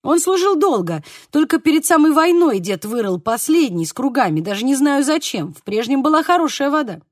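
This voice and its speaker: A patient, plain-spoken village man explains things in an audiobook, voiced by a woman reader. The voice is fairly high and lively, recorded close and dry. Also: fairly quick, dry recording. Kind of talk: audiobook reading.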